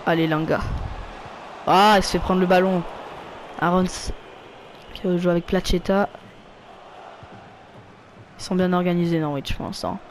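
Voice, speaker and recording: A man's voice: high-pitched, measured pace, long pauses, slight background noise. French man commentating his football game. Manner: excited play-by-play, rises sharply when a goal comes. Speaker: gaming YouTuber.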